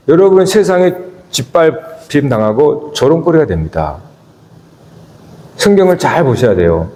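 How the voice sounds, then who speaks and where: A man preaching a sermon as pastor of a church, asking the congregation questions and swinging between emphatic peaks and low, quiet stretches. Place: church sanctuary. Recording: echoey church hall with long reverb.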